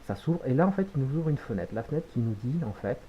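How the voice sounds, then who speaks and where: A man hosting a relaxed game tutorial, chatty, with frequent hesitations and quick self-corrections. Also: mid-range voice, highs cut off. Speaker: gaming video host.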